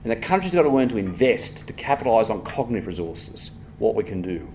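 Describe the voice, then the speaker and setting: A man's voice: fairly low pitch, big pitch swings, a little fast, a little mellow, slight background noise. An Australian man giving a live conference talk, emphatic and digressive, breaking into asides as he goes. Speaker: conference speaker on health policy.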